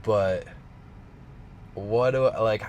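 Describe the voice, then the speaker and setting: A strength coach talking casually to camera, telling a personal story in a rambling way full of "like" and restarts. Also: male voice, lowish voice, drawn-out words, a little mellow, a little hiss or hum. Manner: casual, rambling, heavy use of "like".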